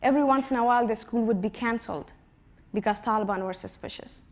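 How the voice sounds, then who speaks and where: A woman in her twenties from Afghanistan, giving a prepared personal talk in an earnest storytelling manner, her voice dropping softly at the ends of phrases. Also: on the high side, fast talker. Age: 20s. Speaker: conference speaker.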